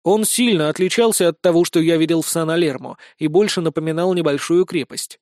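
A man's voice: a little high, brisk, no room sound, studio quality. A man narrating a humorous fantasy audiobook and acting out the characters. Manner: expressive, voices characters.

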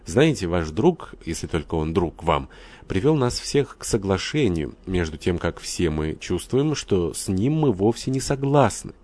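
A man's voice: deep voice, very animated, a little mellow, heavily acted. A man reading a composed, shrewd general's wife who questions people carefully. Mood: probing. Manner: measured, probing.

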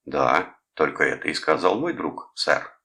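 A man's voice: rumbling low, big pitch swings, unhurried, bright, forceful tone, heavily acted. A man voicing a cocky teenage boy who taunts a soldier with mock-formal politeness. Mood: sly. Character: cocky teen male prankster, mocking.

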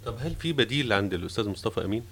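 A man's voice: fairly low pitch, lively intonation, very fast, a bit bright. A man with an Egyptian accent interviewing a guest on an archival radio program. He asks short, polite prompting questions. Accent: Egyptian Arabic.

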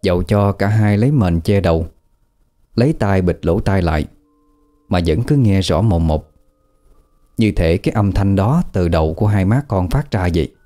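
A man narrating a ghost story in a steady storytelling manner. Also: low voice, moderate pace.

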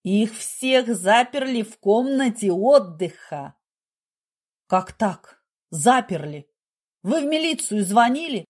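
A woman voicing a desperate, sweating businessman who pleads and shouts in panicky outbursts. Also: high-pitched, expressive, slow, full character voice. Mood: panicked.

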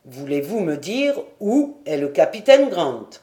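A woman reading the part of a grave male lord in an audiobook, measured and nearly pleading. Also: fairly low pitch, big pitch swings, mellow.

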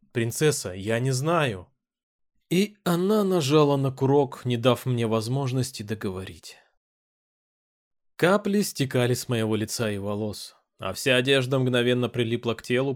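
A man narrating an audiobook in the first person. His reading is expressive, and he slips into dialogue with a playful, teasing tone. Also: medium pitch.

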